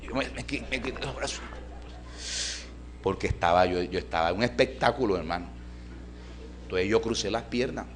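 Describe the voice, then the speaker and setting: A male pastor preaching a storytelling sermon in a church, folksy and animated, often calling his listeners brother. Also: fairly low pitch, moderate pace, pauses often.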